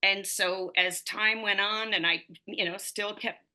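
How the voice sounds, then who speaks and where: An American woman in her fifties, a running coach and physical therapist, winds through her story as a guest in a conversational podcast interview, using plenty of fillers and restarts. Her voice has a bright, forward edge at an ordinary female pitch. Her tone is steady and her pace measured.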